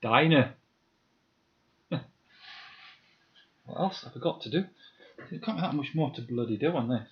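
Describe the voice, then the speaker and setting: A man's voice: medium pitch, expressive, a little slow, long pauses, muffled recording. Chatty fifty-something man. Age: 50s. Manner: chatty, muttering to himself, reading out viewer comments. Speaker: live-stream Lego builder. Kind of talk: casual live-stream chat while building.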